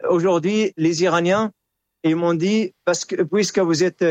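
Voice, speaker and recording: A man's voice: sits high, fairly even intonation, a little slow, darkish tone, no echo. A man from Syria giving a hesitant, earnest testimony as a radio guest, restarting his words often. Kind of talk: phone or studio interview testimony.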